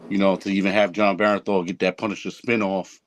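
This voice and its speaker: A man on a live stream panel sharing earnest, measured opinions in casual chat. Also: deep voice, flat delivery.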